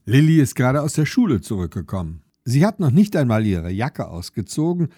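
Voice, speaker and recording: A man narrating a children's story in a playful, dramatic storytelling manner with sudden slowdowns. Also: medium pitch, sing-song, mellow, husky, dry recording, clean studio sound. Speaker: audiobook narrator.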